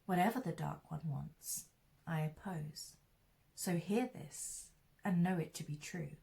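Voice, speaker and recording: A woman voicing a commanding sorceress who speaks calmly, levelly and with quiet menace. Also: on the low side, normal speed, lightly acted. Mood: cold. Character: cold, commanding female sorceress.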